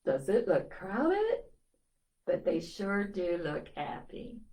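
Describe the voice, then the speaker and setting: A woman's mid-range, darkish voice swoops wildly in pitch as she slowly reads a picture book to children. Telling it expressively as a storytime reader, she adds brief asides for her young listeners.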